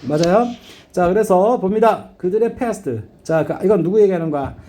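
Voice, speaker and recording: A man's voice: sits high, dark tone, slight background noise. A middle-aged man teaching an English reading lesson, blunt and casual, constantly asking his students whether they understand. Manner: checks understanding constantly with quick questions. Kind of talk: classroom lecture.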